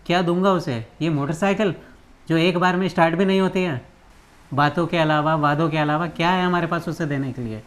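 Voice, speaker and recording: A man's voice: a little high, fairly quick, a bit bright, natural voice. An actor playing a young husband who bitterly reproaches his wife, in a drama. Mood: despairing. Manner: bitter, reproachful, pleading questions. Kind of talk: emotional drama acting.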